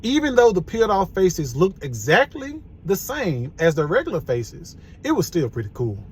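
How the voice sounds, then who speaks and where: A man reading a children's chapter book aloud in a playful, animated way. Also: high voice, normal speed, breathy edge. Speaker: storybook reader.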